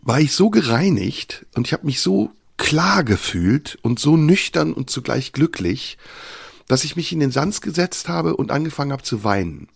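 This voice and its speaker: A man telling a listener a personal story, reflective and unhurried, often pausing with fillers. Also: on the high side, big pitch swings, creaky, husky, dry recording, clean studio sound.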